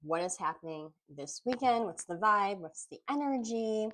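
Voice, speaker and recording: A woman giving a casual intuitive tarot reading, musing aloud with pauses between phrases. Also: medium pitch, animated, fairly bright tone. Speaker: tarot reader.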